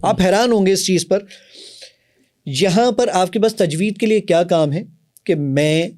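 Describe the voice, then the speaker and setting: A man's voice: high voice, darkish tone. A middle-aged man from Pakistan, an app founder, eagerly explaining and demonstrating his work in an interview. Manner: eager, explanatory, often agreeing emphatically. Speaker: app founder and software company owner.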